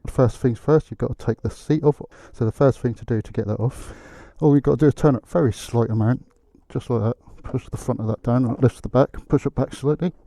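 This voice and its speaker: A man presents a casual how-to in a very dark, muffled voice, as if sealed inside the motorcycle helmet he is wearing. The sound is close and dry, with his explanations given step by step as he works. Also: mid-range voice, brisk, vocal fry, hardly any pauses, no room sound. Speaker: motorcycle repair video presenter. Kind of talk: casual hands-on tutorial commentary.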